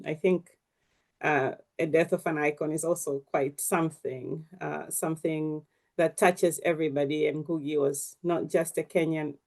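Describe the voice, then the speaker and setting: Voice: mid-range voice, steady tone, normal speed, a little mellow. A panelist from Tanzania speaking hesitantly on a video call, with many restarts. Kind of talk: casual panel remarks.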